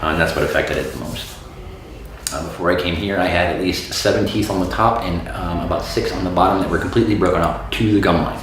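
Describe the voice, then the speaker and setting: A man in his thirties from Florida speaks in a low voice, casual and frank, with plenty of um's and uh's. He is a dental patient giving a testimonial to camera. The sound is very echoey, with a faint hiss of noise behind him. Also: fast talker. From Florida, USA. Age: 30s. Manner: relaxed, frank, many fillers and um's.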